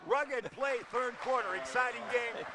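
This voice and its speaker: An older man calling high school basketball play-by-play with rapid, excited calls and chatty asides in a school gym. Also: a loud crowd. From Illinois. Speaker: play-by-play announcer.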